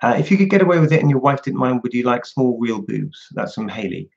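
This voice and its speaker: Guy doing a chatty live q&a from home, gravelly voice, dull lo-fi audio. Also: medium pitch, very animated, fast, a little mellow. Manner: chatty and frank, answers viewer questions. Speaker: livestream host. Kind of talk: casual livestream Q&A. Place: at home indoors.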